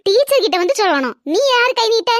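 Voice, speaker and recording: A woman's voice: extremely high pitch, sing-song, fast talker, no room sound, studio quality. A woman voicing a stern schoolteacher in a cartoon, scolding her pupils with a Tirunelveli Tamil accent. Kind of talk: comic cartoon voice acting.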